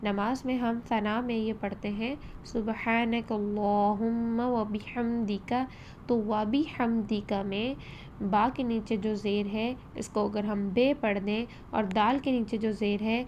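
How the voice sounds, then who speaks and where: A woman teaching a tajweed lesson, slowing down to demonstrate each vowel sound with care. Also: mid-range voice, steady tone, darkish tone, muffled recording, a little hiss or hum. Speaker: Quran recitation teacher.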